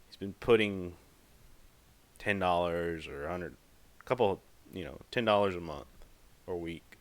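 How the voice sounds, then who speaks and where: In a low voice and at a slightly slow pace, a man hosts a podcast. His casual monologue wanders, leans on emphasis, and is packed with fillers.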